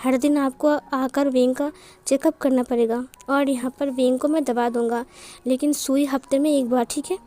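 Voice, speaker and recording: A woman's voice: sits high, moderate pace, lightly acted. Woman voicing a polite, soothing village doctor. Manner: calm and reassuring.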